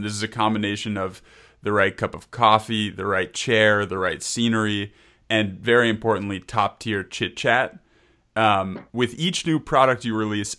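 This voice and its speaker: A man's voice: on the low side, a bit bright. A man hosting an interview, asking playful, wordy questions. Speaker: podcast host.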